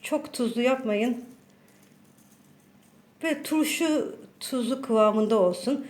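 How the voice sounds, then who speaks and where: A woman's voice: fairly high pitch, slow pace, a little mellow. A woman hosting a casual home cooking tutorial, chatting to her viewers as friends while she works. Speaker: cooking channel host. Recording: roomy echo, faint background noise.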